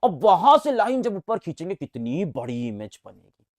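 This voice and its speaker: A man's voice: high-pitched, very animated, normal speed, no echo, clean studio sound. A man teaching a science lesson in a playful, sing-song way, repeating key words, quizzing his students and making sound effects.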